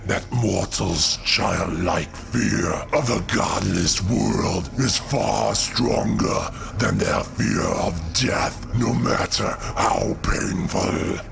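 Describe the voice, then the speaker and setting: A man playing a grave, embittered alien god killer in a comic-book audio drama, delivering slow, theatrical, menacing speeches. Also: exaggerated voice. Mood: brooding. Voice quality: deep gravelly voice. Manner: slow, brooding, theatrical villain monologue. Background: music under the voice.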